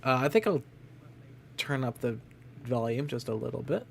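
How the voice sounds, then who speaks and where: Guy streaming a game, just chatting, normal pitched voice, some noise in the background. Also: lively intonation, moderate pace, creaky. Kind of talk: casual chat while playing a game.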